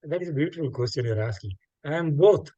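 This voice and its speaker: A man's voice: fairly high pitch, animated, quick pace, warm tone, no room sound, highs cut off. Older man, South Indian accent, Telugu native, dry close sound, expansive explanatory interview talk, emphatic repetition. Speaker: interview guest. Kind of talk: reflective interview talk with anecdotes.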